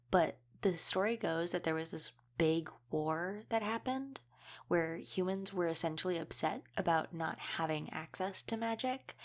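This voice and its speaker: In a casual audio roleplay, a woman with a deep voice plays an easygoing young female wolf shifter, chatting and explaining things informally.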